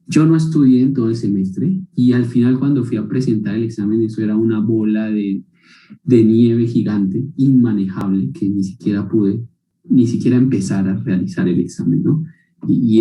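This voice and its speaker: A man's voice: mid-range voice, warm tone. A man teaching a university class who keeps checking in with his students and asking them questions. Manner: questions students, tags statements with "¿no?". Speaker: university lecturer. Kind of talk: university lecture. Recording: roomy, distant mic.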